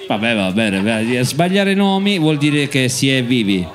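Male, medium pitch, expressive intonation, informal back-and-forth chat. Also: a little slow. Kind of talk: casual banter.

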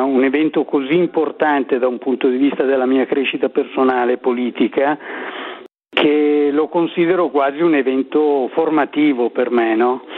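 An older man from northern Italy calling in to a radio show over the phone, earnestly recounting a formative personal experience and pausing to search for his words. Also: medium pitch. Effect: over the phone, tinny phone line. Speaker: radio caller. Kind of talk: personal testimony on a call-in show. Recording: tinny phone line.

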